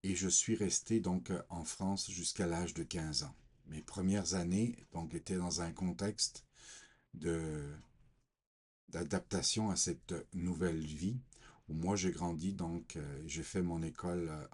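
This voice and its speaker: Deep husky guy from portugal, slow and halting, telling his faith story. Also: a little mellow. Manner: slow, hesitant, many fillers. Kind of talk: personal testimony with scripture reading.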